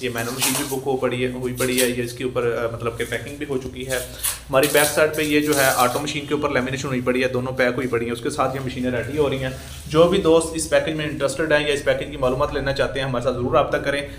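Holding a phone at arm's length, a young small business owner from Pakistan promotes machines in a selfie sales vlog recorded inside his small workshop and shop. He speaks quickly in a level tone, repeating himself earnestly with lots of fillers against a noisy background.

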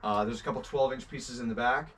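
Methodical man, mid-pitched, explains building methods step by step outdoors, faint outdoor hum behind him. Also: fairly bright tone. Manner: methodical, measured. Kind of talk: explanatory walkthrough.

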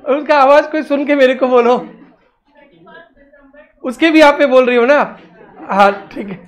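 A woman teaching accounting, calling on students one by one, brisk and teasing as she urges them to answer. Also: sits high. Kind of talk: classroom questioning.

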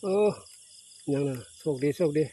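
A man's voice: moderate pace, warm tone, slight background noise. A man with an Isan accent, chatting casually to viewers outdoors at night while checking his fishing lines, often addressing them as brothers and sisters. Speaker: vlogger. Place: rural fields at night, outdoors. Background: crickets and insects.

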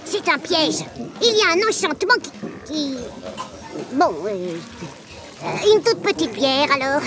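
A woman voicing an excitable, fussy young magician in a comic fantasy video game. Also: sits high, unhurried. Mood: hesitant.

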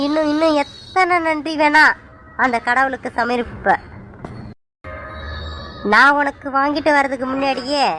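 A woman doing a tender young husband. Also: high voice. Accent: Tamil. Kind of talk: cartoon voice dubbing.

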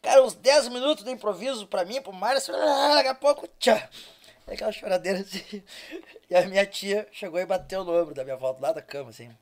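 A man's voice: sits high, fast. A man with a southern Brazilian accent from Rio Grande do Sul, an accordion player telling jokey stories in a casual podcast chat. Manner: animated, jokey storyteller who laughs a lot.

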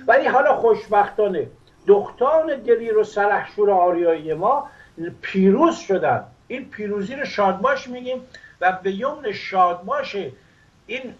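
An older man from Iran hosting a political talk show, speaking in impassioned, emphatic bursts. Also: high voice. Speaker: host. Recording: dull lo-fi sound.

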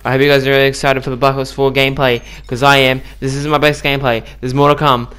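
A man's voice: mid-range voice, flat delivery, fast talker, fairly bright tone, clean tone. A man giving casual, chatty commentary on a video game he just played, with lots of ums and likes. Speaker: gaming YouTuber.

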